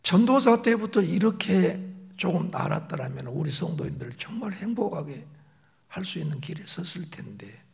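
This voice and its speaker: Male pastor, middle-aged, gravelly voice sitting a bit high, preaching with whispered asides. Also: lively intonation, normal speed. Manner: shifts between raised emphatic phrases and soft whispered asides. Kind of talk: sermon.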